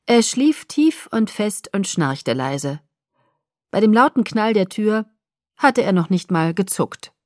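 Brief: woman audiobook narrator, mid-pitched, gentle and measured, bone-dry studio sound. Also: sing-song, no room sound. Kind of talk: first-person novel narration.

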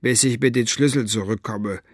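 A man's voice: mid-range voice, fairly even intonation, moderate pace, dry recording, studio quality, natural voice. A man voicing a coarse, smug male henchman who mocks and gloats. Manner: gloating, sneering, grunting.

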